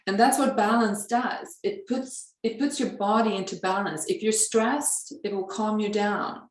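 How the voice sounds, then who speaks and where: A woman's voice: mid-range voice, steady tone, a little slow, echoey room, low-quality recording. A woman from Sweden, a guest in a casual conversation, talking in an earnest, reflective way with light laughs.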